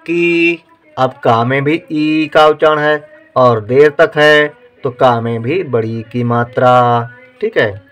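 A man teaching how to write words, slowly sounding out each syllable and repeating words like dictation. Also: mid-range voice, fairly bright tone. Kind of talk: slow dictation-style writing lesson.

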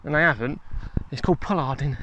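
A man's voice: a little high, quick pace, highs cut off, background noise. A man chatting in a rambling, self-mocking way while he walks outdoors and films himself on a handheld phone. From England. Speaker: vlogger. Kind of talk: casual walking vlog chat. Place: outdoors on a countryside walk. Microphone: handheld phone camera.

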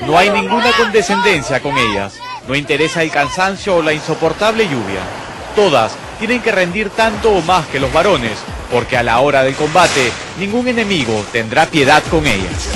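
A man's voice: a little high, sing-song, normal speed, heavy background noise. A man with a Peruvian accent delivering dramatic scripted narration for a TV news report. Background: music.

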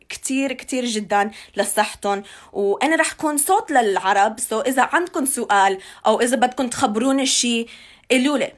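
A woman in her twenties with a Levantine Arabic accent, giving an informal live news update into a phone held at arm's length indoors. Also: a little high. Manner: code-switches between Arabic and English. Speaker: local news reporter giving community updates. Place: small indoor room.

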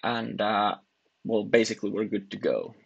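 A man narrating a screen-recorded software tutorial, talking haltingly with frequent restarts and fillers as he clicks through. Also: lowish voice, steady tone, vocal fry, husky, dull audio.

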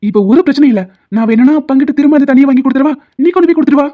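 A woman voicing an easygoing, joking brother-in-law in an animated series. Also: sits high, very fast, close to an everyday voice. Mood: jokey. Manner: easygoing, jokey. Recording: phone-like lo-fi sound, faint music.

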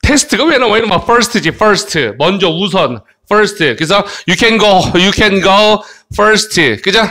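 High, bright-voiced man teaching. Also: lively intonation, takes it slowly. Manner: coaxing, frequent tag questions. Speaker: English teacher. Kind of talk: online English lesson for children.

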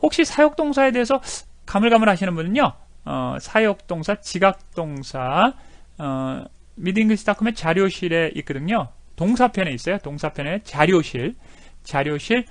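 A man's voice: high-pitched, sing-song, normal speed, no echo. A middle-aged man teaching English phrases in a chatty way, with many fillers and repeated phrases. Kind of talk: explaining lesson with video clips.

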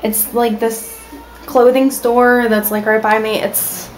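A woman's voice: on the high side, level tone, slow pace, a little hiss or hum, rough recording. A woman vlogging from home in a casual, rambling way, with lots of ums and restarts. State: has the hiccups. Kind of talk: casual vlog chat. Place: at home, indoors.

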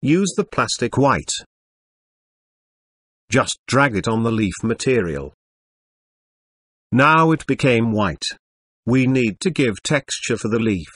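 A synthetic, stilted male computer voice, like an old speech synthesizer, narrating a scripted software tutorial. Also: medium pitch, lively intonation, slow, long pauses, breathy edge, no echo, studio quality. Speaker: tutorial presenter.

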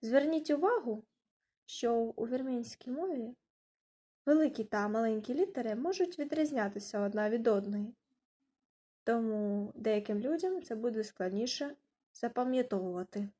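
A woman's voice: fairly high pitch, expressive, normal speed, warm tone. A woman teaching an online language lesson, patiently spelling out words letter by letter.

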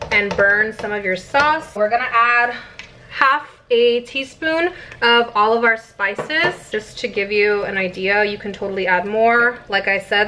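A woman's voice: mid-range voice, pushed and bright, a little hiss or hum, low-quality recording. A young woman in her twenties chatting casually through a home cooking vlog, laid-back and giggly. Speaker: vlogger. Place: home kitchen. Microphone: camera set in the microwave.

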